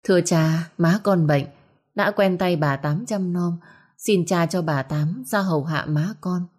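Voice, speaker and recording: A woman's voice: lowish voice, a little slow, a little mellow, slightly rough. A woman voicing an anxious, respectful eldest son who pleads for his mother.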